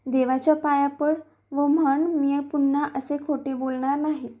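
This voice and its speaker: A woman's voice: sits high, little pitch movement, measured pace, warm tone. A woman reading the lines of a stern but loving village mother who scolds her son for lying. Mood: scolding. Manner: firm, scolding.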